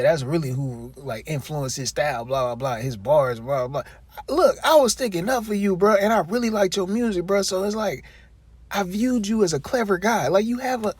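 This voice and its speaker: A man's voice: high voice, husky, dry recording. A man giving casual commentary on his channel, talking straight at the person he criticizes and calling him bro in a rambling, exasperated way. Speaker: vlogger commentator.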